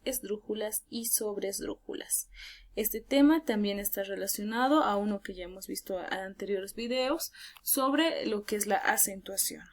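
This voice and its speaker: A woman teacher giving a lesson, explaining clearly and drawing out key words slowly for emphasis. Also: medium pitch.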